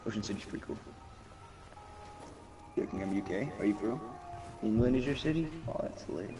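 A man's voice: on the low side, lively intonation, moderate pace. A young man streaming a game, reading viewers' chat aloud in hyped, slangy casual talk. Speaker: gaming streamer. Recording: distant mic under loud game music. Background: loud game music.

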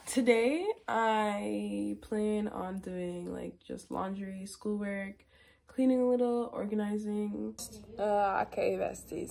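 With slight background noise, a teenage girl's medium-pitched voice comes across creaky and dark. She rambles with lots of filler words in a casual day-in-my-life vlog, filmed on a phone propped up in her small bedroom.

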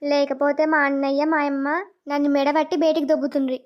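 A sly young sister-in-law in a village cartoon who mutters her plots aloud, as a woman voices her. Her voice sits very high, and the audio sounds dull and lo-fi. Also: flat delivery, quick pace, close to an everyday voice. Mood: plotting. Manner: muttering to herself, plotting.

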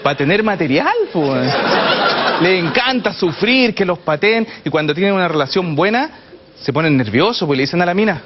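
A man's voice: sits high, lively intonation, normal speed. A man with a Chilean accent doing a mocking stand-up comedy routine on stage. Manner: mocking, sings song lines in exaggerated voices. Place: comedy stage before a live audience. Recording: muffled live show recording, loud crowd and noise.

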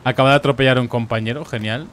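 A young man with a Murcian Spanish accent, giving playful mock-documentary commentary over game footage and jumping into excited yelps. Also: mid-range voice, very fast, slight background noise. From Murcia, Spain. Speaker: gaming streamer. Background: faint game gunfire and explosions.

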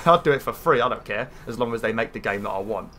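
A man's voice: mid-range voice, animated, a little fast, pushed and bright, slight background noise. A British man in his thirties with a nasal voice, as if pinching his nose, rambling casually and swearing a bit as he commentates on a video game. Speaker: gaming video host.

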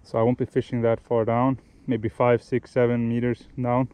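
A young man gives relaxed, explanatory fishing tips outdoors by a lake, often restarting and correcting himself mid-sentence. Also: mid-range voice, normal speed, smooth. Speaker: fishing vlogger. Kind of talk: casual instructional talk while fishing.

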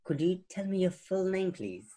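Husky, mellow-voiced male interviewer. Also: sits high, sing-song, moderate pace. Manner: patient, restates answers before asking. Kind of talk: oral history interview.

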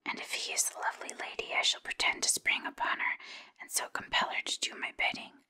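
A woman's voice: fairly quick, bright, forceful tone. Woman whispering as a cowardly storybook lion. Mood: boastful. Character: cowardly male lion putting on grand airs.

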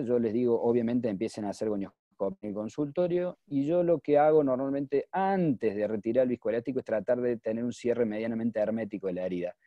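Dark-voiced Argentine man lecturing. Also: mid-range voice, dry recording. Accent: Cordobese Argentine Spanish. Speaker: eye surgeon presenting cases. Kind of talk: informal medical lecture over slides. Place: small indoor room, on a video call.

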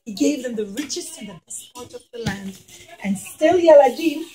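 A middle-aged preschool teacher's voice sits high, sounding animated and mellow with a breathy edge as she talks at normal speed. She tells young children a story in a classroom using simple, repeated, emphatic phrases, and the recording is rough.

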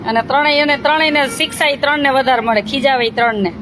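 A woman's voice: high-pitched, fast talker. Chatty woman outdoors, traffic noise. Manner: motherly, chatty, teasing questions. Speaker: ashram caretaker. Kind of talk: casual chat with girls and viewers. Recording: noisy outdoor recording with traffic.

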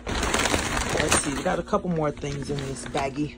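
An upbeat woman runs through a casual grocery haul vlog in her cramped home kitchen. She chats freely and keeps stopping on ums. The phone recording carries a clear layer of background noise. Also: low-pitched, a little slow. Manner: chatty and excited, with many ums. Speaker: vlogger.

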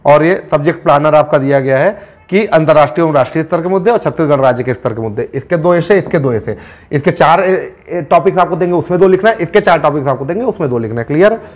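A man's voice: a little high, lively intonation, fast. A man teaching an exam-prep class in a conversational lecture style, often stopping to check that students follow. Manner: conversational, checks understanding with frequent asides.

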